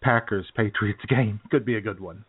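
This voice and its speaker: Thin, phone-quality sound carries a low-leaning male voice with a breathy edge, moving at a moderate pace. He's an American talk show co-host from the United States, easygoing and engaged in casual banter.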